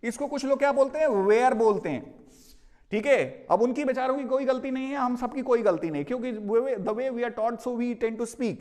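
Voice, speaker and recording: High-voiced Indian teacher, echoey room. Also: male voice, moderate pace, hardly any pauses, a little mellow. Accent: Indian English. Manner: explains with repeated "theek hai" check-ins, mixing Hindi and English. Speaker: English teacher. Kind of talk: classroom pronunciation lesson.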